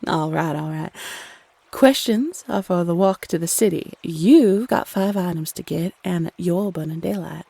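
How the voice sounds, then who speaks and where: A woman's voice: on the low side, a little slow, gravelly, warm tone, husky, no room sound, full character voice. A woman playing a playful, teasing Cupid, a bossy love goddess who chats sassily and uses pet names in an audio roleplay. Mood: teasing, brisk. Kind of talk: scripted audio roleplay addressed to the listener.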